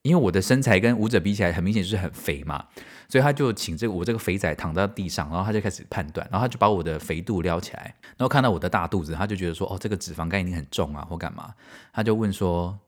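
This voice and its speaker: Man, middle-aged, Taiwanese Mandarin accent, deep low voice, casual podcast storytelling, animated and self-mocking, laughs a lot. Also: racing. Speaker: podcast host and stage director. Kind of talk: casual storytelling, answering listener mail.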